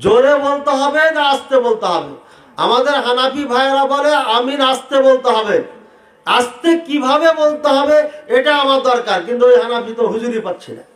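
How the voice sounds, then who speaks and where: A man preaching to a crowd, animated and rhetorical, asking the audience questions directly. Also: very high-pitched, brisk. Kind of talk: sermon debating prayer practice. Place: large hall with audience. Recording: echoey hall sound.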